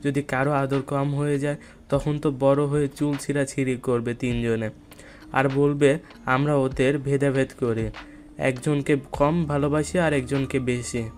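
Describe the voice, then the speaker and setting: A man voicing a warm-hearted young father in a Bengali audio drama who speaks to his partner in a tender, teasing way. His voice is mid-pitched, with faint music underneath. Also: little pitch movement, unhurried, lightly acted. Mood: playful. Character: playful, loving young father.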